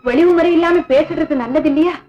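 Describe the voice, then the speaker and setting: An actress plays a frank, spirited young woman in a classic film drama, her voice high and bright as she pleads and argues tearfully. A faint film score plays softly behind her. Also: brisk, muffled recording, faint music behind, natural voice. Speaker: lead actress in a film scene. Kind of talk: 1960s film drama dialogue.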